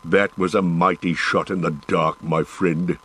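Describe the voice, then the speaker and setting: A man voicing a stout, gruff male dwarf warrior with a hearty, blunt manner, changing the tone of his voice for the part. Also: deep voice, flat delivery, a little slow, fairly bright tone, exaggerated voice.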